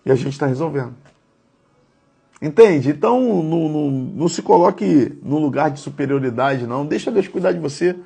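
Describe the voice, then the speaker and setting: Brazilian pastor, 30s, slightly high and raspy, earnest conversational sermon. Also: male voice, dark tone. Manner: conversational, earnest, addressing listeners directly. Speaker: preacher. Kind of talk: devotional sermon.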